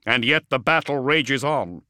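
A man voicing a male bridge officer who speaks slowly in a low mumble. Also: animated, pushed and bright, no echo, studio quality. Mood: grave mumbling. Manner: slow mumbled delivery.

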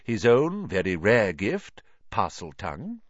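Male reader as an old wizard headmaster: calm, gentle, measured. Dry, dull audio. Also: lowish voice, dry recording, full character voice.

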